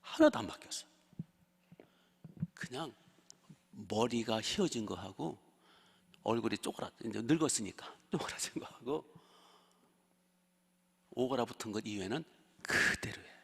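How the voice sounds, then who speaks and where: Older male pastor, husky gravelly voice, lively story-driven sermon, long church-hall reverb. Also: medium pitch, unhurried, long pauses. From Chungcheong region, South Korea. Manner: lively storytelling with rhetorical questions to the congregation. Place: church sanctuary.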